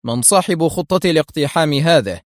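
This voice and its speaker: A man voicing a proud, stern male mafia boss who speaks slowly and commands. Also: on the high side, animated, no room sound, clean studio sound, pitched above the performer's own voice, natural voice. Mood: angry.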